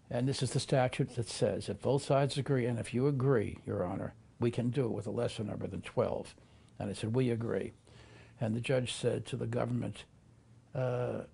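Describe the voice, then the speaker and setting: An older man, a lawyer, telling stories from his career in a documentary interview, measured and reflective. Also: mid-range voice, creaky, dark tone, breathy edge. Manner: measured, reflective, acts out quoted voices. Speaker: interviewee, lawyer recalling cases.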